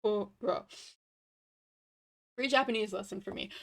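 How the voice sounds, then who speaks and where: A woman's voice: fairly high pitch, animated, normal speed, a bit bright. Giggly woman game master. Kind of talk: running a tabletop game.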